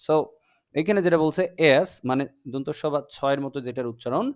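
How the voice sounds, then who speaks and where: A young man teaching a class, explaining sounds patiently and repeating them slowly for drilling. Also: fairly high pitch, dry recording, studio quality.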